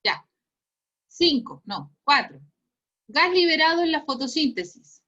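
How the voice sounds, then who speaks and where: A woman's voice: sits high, big pitch swings, unhurried, bright, forceful tone, dull audio. A Chilean woman teaching a science class online, reviewing a quiz with a playful, teasing manner and frequent laughter. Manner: teasing, laughs often, explains patiently.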